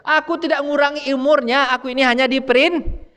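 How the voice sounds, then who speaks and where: A man's voice: very high voice, fairly even intonation, brisk, pushed and bright, pitched above the performer's own voice. A man voicing the male angel of death, who scolds grieving mourners in a raised, insistent voice. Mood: stern, scolding. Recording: long reverb of a mosque hall.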